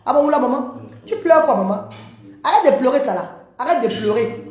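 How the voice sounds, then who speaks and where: Lively woman, echoey room. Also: sits high, brisk. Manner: animated, laughing, addresses viewers as maman and papa. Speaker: livestream host. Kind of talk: casual live chat reading comments.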